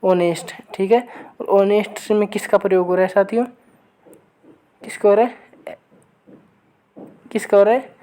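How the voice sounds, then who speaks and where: A woman teaching an online grammar lesson, who keeps asking her viewers for the right answer and reads each sample sentence slowly and again. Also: medium pitch, dark tone. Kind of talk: online exam-prep lesson.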